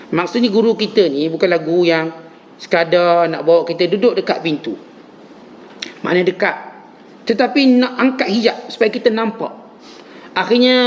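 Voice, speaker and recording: A man with a Malaysian Malay accent giving a dawn lecture as a religious teacher, preaching with animated, emphatic rises on key phrases. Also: high voice. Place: mosque lecture hall. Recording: dull lo-fi lecture recording with faint hiss.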